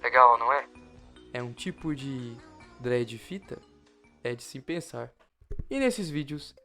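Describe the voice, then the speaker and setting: This man, a channel co-host with a Brazilian accent, narrates an informal video about analog horror. His voice is medium in pitch and fairly bright, with background music playing behind him.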